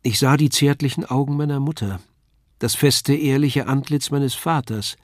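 A man reading a story aloud in a measured, expressive storytelling manner. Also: medium pitch, no echo, studio quality. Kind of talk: audiobook reading.

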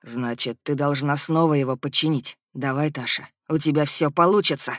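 A woman lowering her voice to play a young prince in an audiobook who talks hoarse and breathy, coaxing steadily, in a dry close recording. His voice stays level and low, steady even when pressed. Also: normal speed, no echo, natural voice. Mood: urging. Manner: soft, insistent coaxing. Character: young male prince, calm, steady, reassuring. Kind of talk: audiobook character voice.

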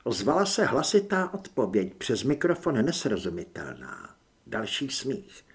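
A man reading a tense first-person audiobook narration in a steady voice. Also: mid-range voice, vocal fry. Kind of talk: scripted narration.

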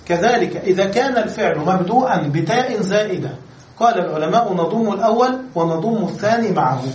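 High-voiced man lecturing in an echoey room. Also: lively intonation, a little fast, a little mellow, a little hiss or hum. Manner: explains step by step, asks the class questions. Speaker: Arabic grammar teacher. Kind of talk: classroom lecture. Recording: echoey room, recorded from far off.

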